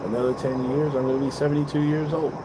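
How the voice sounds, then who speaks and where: A man in his fifties talks outdoors, rambling and earnest as he hands out life advice, circling back over the same points and swearing along the way. His pitch sits in a normal middle range. Steady traffic and air-conditioner hum run clearly behind him. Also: fast talker. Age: 50s. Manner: earnest, rambling, profane, repeats himself. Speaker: vlogger. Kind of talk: casual advice monologue. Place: balcony, outdoors.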